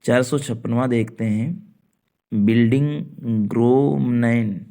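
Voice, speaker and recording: Slow gravelly male teacher. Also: fairly low pitch, dark tone. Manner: slow and repetitive, spells out words letter by letter. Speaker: coaching teacher. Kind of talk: exam-prep literature lecture.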